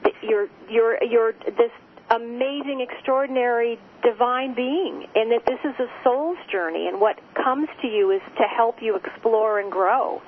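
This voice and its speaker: A woman heard over the phone as an interview guest, speaking gently and repeating phrases for emphasis. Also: on the high side, unhurried. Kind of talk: spiritual interview talk. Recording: tinny phone line with faint noise.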